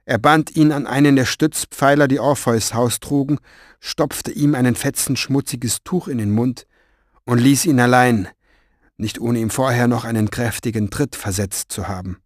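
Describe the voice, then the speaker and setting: A man narrating an audiobook in a calm, measured storytelling manner. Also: medium pitch, no echo, studio quality.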